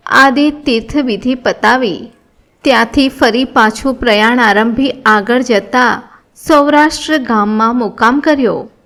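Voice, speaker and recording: A woman with a Gujarati accent reading a devotional scripture story in an even, measured way. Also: a little high. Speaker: narrator.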